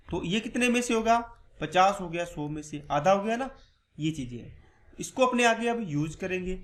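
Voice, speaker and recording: A male teacher explaining a maths exam lesson step by step, asking questions and answering them himself. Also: high voice. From India. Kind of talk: exam-prep lecture.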